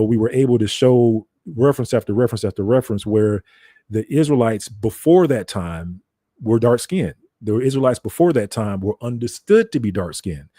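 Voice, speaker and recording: Mellow American man giving an informal talk. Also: mid-range voice, no echo, clean studio sound. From United States. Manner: conversational and explanatory, repeating phrases for emphasis. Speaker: broadcaster. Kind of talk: informal teaching talk to an audience.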